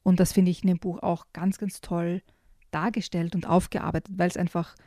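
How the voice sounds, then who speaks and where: A woman reading a children's picture book aloud with lively storytelling, then talking about it with hesitant, chatty pauses. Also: on the low side, no echo, clean studio sound. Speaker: story reader and book reviewer.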